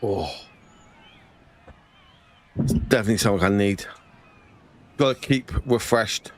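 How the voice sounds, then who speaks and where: A man's voice: fairly low pitch, unhurried. Casual man with faint noise behind. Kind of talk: casual chat.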